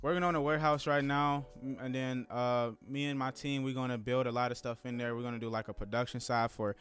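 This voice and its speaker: A man's voice: medium pitch, level tone, fairly quick, fairly bright tone, faint music behind. A man who has just turned thirty, chatting casually with viewers during a live trading stream in a laid-back, rambling way. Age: 30s.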